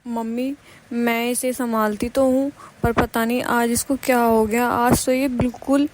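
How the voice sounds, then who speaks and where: A woman's voice: on the high side, flat delivery, unhurried, natural voice, rough recording. A woman voicing a young, tired daughter-in-law in a cartoon, pleading and weary.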